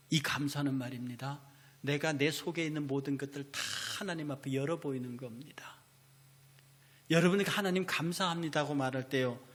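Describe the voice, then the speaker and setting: A middle-aged male pastor giving a sermon, swinging between forceful declarations and whispered asides. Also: fairly high pitch, husky. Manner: impassioned preaching that swings from loud to whispered asides.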